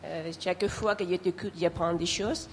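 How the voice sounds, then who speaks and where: A woman with a lowish voice and fairly even intonation speaks at normal speed, with slight background noise. Not a native French speaker, she has a foreign accent and offers earnest, hesitant, unplanned remarks at a public discussion, repeating phrases while groping for words.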